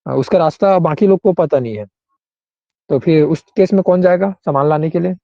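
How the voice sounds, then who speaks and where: A man's voice: on the high side, moderate pace, gravelly, no room sound, highs cut off. A male English grammar teacher, explaining rules in an online class and often checking in with students by name.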